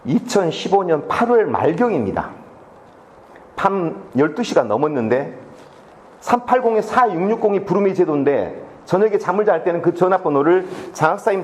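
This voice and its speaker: A man's voice: fairly high pitch, a little fast. A middle-aged man giving a public lecture, telling a story and acting out its dialogue. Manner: animated, acts out dialogue in his story.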